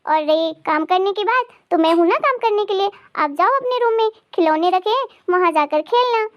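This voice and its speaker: A gentle young mother from a cartoon, voiced by a woman, with a very high, light voice. She talks calmly and coaxingly, like someone reasoning softly with family. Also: normal speed, muffled recording. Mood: soothing. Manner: soothing, coaxing. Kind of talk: animated cartoon voice acting.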